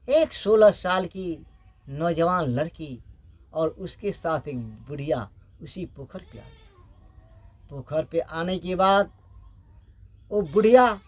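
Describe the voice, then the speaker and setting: A man telling a folk tale aloud, slow and halting, correcting himself, raising his voice for the characters. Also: high voice. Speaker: village storyteller.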